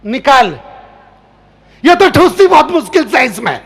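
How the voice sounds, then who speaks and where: A young man doing comic storytelling on stage, acting out characters in quick voices and often shouting. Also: very high-pitched, sing-song, creaky. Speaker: stand-up comic poet.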